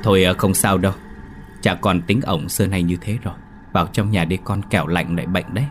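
A man's voice: low-pitched, steady tone, a little fast, soft background music, lightly acted. A man voicing a grieving elderly mother who pleads and weeps in a ghost story. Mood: gentle. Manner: tearful, pleading. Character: grieving old mother, wailing.

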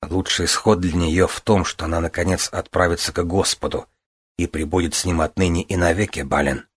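Man voicing a grave priestess figure, slow, low, husky, stern. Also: fairly even intonation. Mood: stern measured. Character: stern, sorrowful enchantress, lady of Avalon.

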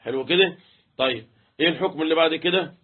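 A man's voice: on the high side, fast talker, husky. A man with an Egyptian accent teaching Quran recitation rules, quizzing his students and chanting letters. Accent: Egyptian Arabic. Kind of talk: interactive tajweed lesson. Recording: tinny phone-like line.

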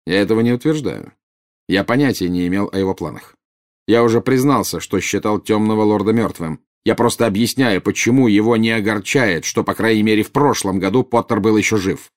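A calculating male double agent read by a man speaks in a low, silky, unhurried tone. Every reply sounds measured and quietly condescending. This storybook voice stays cool and controlled. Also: close to an everyday voice. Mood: cold, silky.

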